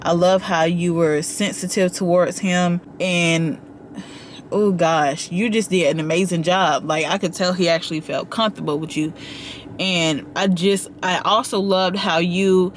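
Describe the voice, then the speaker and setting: A woman giving casual, animated reaction commentary, talking straight to her viewers with slang and asides. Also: on the low side, measured pace, slight background noise. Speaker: commentary vlogger.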